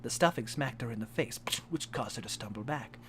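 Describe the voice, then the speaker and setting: Speaking briskly in a mid-range voice, a young man reads a fan story aloud for a live stream, with slight background noise. He plays the dramatic reading for comedy from his home setup, adding swear words and laughing asides.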